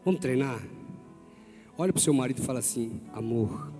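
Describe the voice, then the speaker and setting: A man with a Brazilian Portuguese accent preaching a sermon as pastor, animated and calling on the congregation to respond. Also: mid-range voice, a little fast. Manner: animated, calls on the congregation to repeat after him. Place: large church hall. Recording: long church-hall reverb, faint music.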